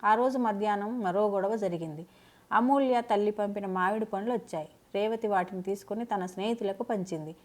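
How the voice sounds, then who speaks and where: A woman storyteller reads a family drama aloud in a scripted narration. Her telling is steady and dramatic, with a voice of ordinary pitch for a woman. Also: brisk.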